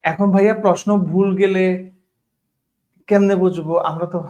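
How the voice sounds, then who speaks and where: A man's voice: sits high, fairly even intonation, normal speed, a little mellow, dull audio. A man tutoring math, talking casually, often checking if students understand and mixing in English words. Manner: mixes English words into speech. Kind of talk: online class teaching.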